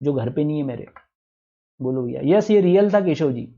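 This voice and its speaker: Man, teacher, high mellow voice, lively lecture, muffled lo-fi sound. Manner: lively, asks the class for quick answers. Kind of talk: classroom lecture. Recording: dull lo-fi classroom recording.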